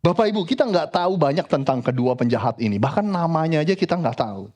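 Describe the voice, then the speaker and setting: A pastor preaching a sermon in church, lively and direct, often addressing the congregation as brothers and sisters. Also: male voice, a little high, quick pace. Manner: animated preaching, frequently addressing the congregation as "saudara".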